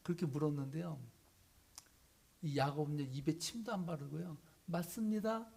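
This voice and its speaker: A pastor with a slightly higher male voice delivers a sermon. He moves between calm explanation and acted-out dialogue for the story's characters. He often turns to the congregation with questions. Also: moderate pace, gravelly, husky. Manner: animated storytelling, acting out biblical characters' lines.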